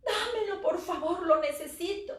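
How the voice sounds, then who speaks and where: A desperate young wife who begs and rages in a high, shrill, tearful voice, as a woman storyteller acts her out. The sound echoes around a big room, and the mic sits some way off. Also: animated, a little slow. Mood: pleading. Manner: pleading, shrill and sobbing. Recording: roomy echo, from far off the mic.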